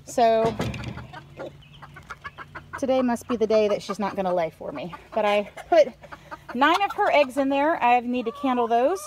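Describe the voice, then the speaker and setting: In a fairly high, slightly mellow voice, a middle-aged woman narrates her farm vlog slowly, with long pauses, from behind a handheld phone. She chats and rambles while showing the farmyard, coops and pens. Background animal sounds and farm ambience fill the noisy outdoor recording.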